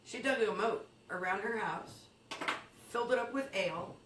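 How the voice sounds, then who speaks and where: A woman's voice: mid-range voice, moderate pace, noisy background. Woman telling a goofy fake news story, lots of ums, echoey room, kinda far from the mic. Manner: playful storytelling with ums and swearing. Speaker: comedy news co-host. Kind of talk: comedic mock news story.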